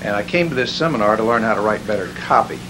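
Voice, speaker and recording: A man telling a seminar testimonial as an animated storyteller who chuckles at his own jokes. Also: lowish voice, fast. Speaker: seminar attendee giving a testimonial. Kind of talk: spoken testimonial. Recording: hissy background noise.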